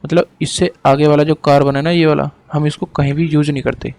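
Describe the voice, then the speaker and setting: Man slowly dictating lesson definitions. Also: a little high, flat delivery, creaky, darkish tone. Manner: slow dictation of definitions, then quick explaining in between; casual, apologizes for hesitating. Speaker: teacher. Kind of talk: lecturing over a screen diagram.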